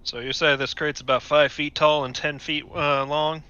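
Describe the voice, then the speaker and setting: A man casually describes his character's moves as a tabletop player. His voice is very crisp and forward and sits a bit high, in a dry recording. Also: flat delivery, moderate pace, bright, forceful tone, no echo, muffled recording. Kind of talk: casual play, narrating character's actions.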